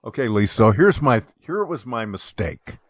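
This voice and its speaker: Podcast co-host, a man, animated storyteller with a lively voice in a dry, close recording. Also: mid-range voice, moderate pace, dry recording. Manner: animated storyteller acting out both sides of a dialogue. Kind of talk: casual storytelling chat. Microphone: podcast mic.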